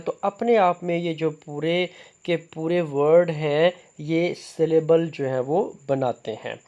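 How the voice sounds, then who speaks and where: A man delivers a lecture on syllable structure. He speaks slowly and deliberately in a slightly raised pitch, pausing on fillers as he explains each point. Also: darkish tone. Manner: slow, deliberate, with frequent fillers. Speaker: teacher.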